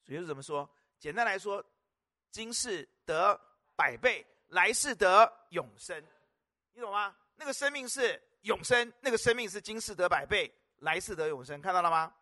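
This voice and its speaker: A man preaching with a high, lively voice that leaps up and down in pitch. He hammers his points through repetition and keeps throwing questions at his listeners. His tone is bright and ringing. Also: a little fast, hardly any pauses. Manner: emphatic, with rhetorical questions to the congregation; repeats phrases for emphasis. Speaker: pastor. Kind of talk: sermon.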